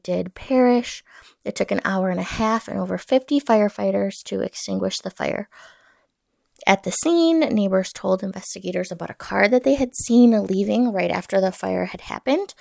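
Creaky-voiced woman, casual true crime narrator. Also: medium pitch, darkish tone, no echo. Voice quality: creaky vocal fry. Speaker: podcast host.

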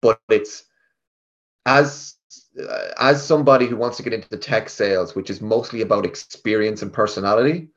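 The audio is dull, carrying a man's lowish voice with a west of Ireland accent. As an interview guest who leads a tech sales team, he tells his story casually and chattily, regularly acting out bits of dialogue in his own voice.

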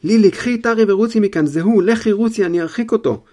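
A man voicing a frightened young father who shouts a desperate warning, in a storybook reading. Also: high voice, pitched above the performer's own voice, lightly acted. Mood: frantic. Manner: shouting in alarm.

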